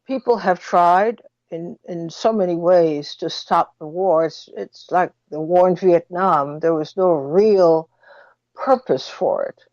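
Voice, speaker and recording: A woman hosting radio talk and commentary, speaking haltingly and deliberately with long pauses, slightly muffled because an injured mouth will not open all the way. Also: on the low side, darkish tone. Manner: slightly muffled speech through a barely opened mouth. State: mouth injured from a fall, cannot open it fully. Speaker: radio talk show host. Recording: dull, roomy lo-fi sound.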